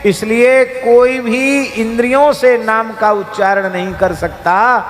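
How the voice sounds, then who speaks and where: High-pitched guy preaching slow, chants verses now and then, big hall echo, faint music under it. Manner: emphatic, rising and falling delivery. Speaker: spiritual preacher. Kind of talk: devotional discourse. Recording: reverberant hall with soft music.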